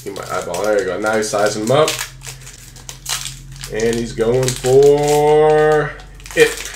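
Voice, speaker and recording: A young adult man hosts a trading card-opening video from a small room at home, casually chatting with his viewers and his pet as he provides running commentary. He speaks slowly at a medium pitch. The audio is reverberant, with a noisy background.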